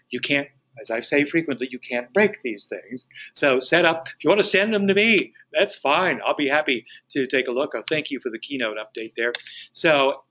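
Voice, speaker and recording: A man's voice: mid-range voice, bright, forceful tone, poor audio. A man leading a live training webinar for real estate agents, talking in a folksy, encouraging, conversational way.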